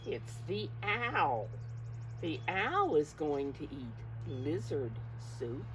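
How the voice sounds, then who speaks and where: Speaking extremely slowly in a low voice, a preschool teacher reads a picture book aloud to young children, expressive and coaxing, frequently putting questions straight to them. Background noise can be heard.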